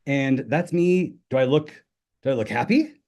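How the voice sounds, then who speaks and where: A middle-aged Italian linguistics professor, whose native tongue is Italian, talks at a normal speed in a mid-range voice with a somewhat dark tone. As a guest on an online webinar, he keeps things friendly and informal, telling stories from his own life.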